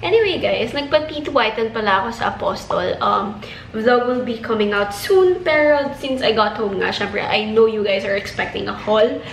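A woman's voice: a little high, normal speed, creaky, echoey room, slight background noise, poor audio. Chatty Filipino woman in her twenties. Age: 20s. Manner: chatty, mixing Tagalog and English. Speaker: beauty vlogger. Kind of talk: casual haul vlog. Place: bedroom, indoors.

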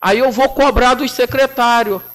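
Man, very high voice, forties, from Brazil, indignant council speech, desk microphone. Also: steady tone, moderate pace, a bit bright. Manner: combative, indignant, with colloquial slang. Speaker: city councilman. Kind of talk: plenary floor speech. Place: municipal council chamber, indoors.

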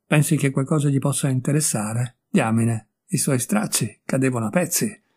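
A man voicing a kind-hearted, easily flustered young gentleman in an audiobook, earnest and quick to protest. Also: medium pitch, husky. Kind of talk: audiobook character voice.

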